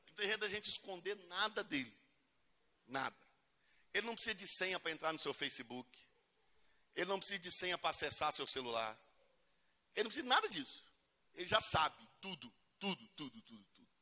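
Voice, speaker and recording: A man's voice: high voice, very animated, fairly quick, long pauses, bright, forceful tone. A male pastor preaching a humorous sermon in a church, acting out prayers in voices. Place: church hall. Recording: long church reverb.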